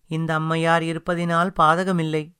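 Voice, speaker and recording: A grieving queen speaks softly and haltingly, her words breaking off in sorrow, as a male narrator puts her on. The voice is quieter and a little lower than the reader's own, with a smooth, dry sound. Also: flat delivery, no room sound. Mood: sorrowful. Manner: soft, halting. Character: sorrowful queen, gentle and tearful.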